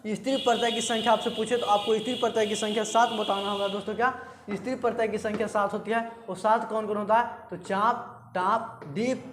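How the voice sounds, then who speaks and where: A man's voice: sits high, steady tone, brisk, fairly bright tone. A man teaching a lecture class, often repeating terms and asking and answering his own questions. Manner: repetitive drilling, asks and answers own questions. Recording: echoey room, faint background hiss.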